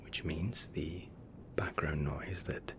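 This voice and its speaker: Whispered role-play: man as formal, reassuring flight attendant, low-pitched, unhurried, close-miked. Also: steady tone. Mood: soothing, attentive. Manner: flight attendant's formal, soothing service patter.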